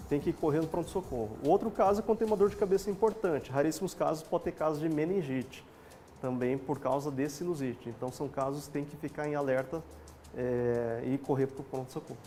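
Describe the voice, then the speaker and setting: Soft music plays in the background as a doctor guest on a TV health show speaks in a studio, his Brazilian Portuguese accent noticeable. His pitch is fairly high and his pace a little fast, and he explains things calmly in plain lay language.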